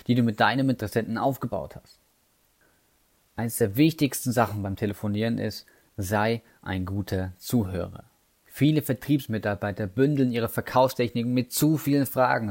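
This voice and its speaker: Man, sales trainer, instructional talk, middle pitch, direct address, numbered tips, casual asides.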